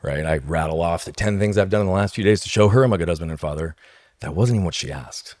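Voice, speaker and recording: A man with a very low, deep voice talks as a podcast guest. He tells his story with emphasis and keeps checking in with his listeners. The recording is dry and close, with no room sound. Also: quick pace, a little mellow, dry recording. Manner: emphatic, tags points with "right?". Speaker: guest speaker. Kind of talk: podcast interview, personal storytelling.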